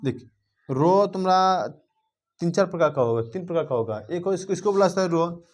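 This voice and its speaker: A man teaching a grammar class in a voice a little higher than most men. He talks the class through each rule, asks questions and keeps checking that they follow. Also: expressive, fast, a little mellow. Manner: drills with repeated check-ins, asking the class questions. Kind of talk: grammar lesson.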